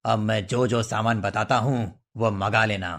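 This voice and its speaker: A man playing a calm, reassuring tantric holy man in a storybook tale, speaking slowly and with assurance. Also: on the low side, creaky.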